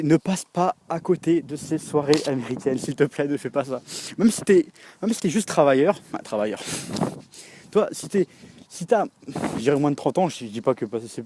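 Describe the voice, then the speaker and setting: A man's voice: a little high, a little mellow, a little hiss or hum. A young man from France chatting casually to camera, rambling with many fillers and restarts, laughing often and addressing the viewer directly. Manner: laughs often while talking. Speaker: vlogger.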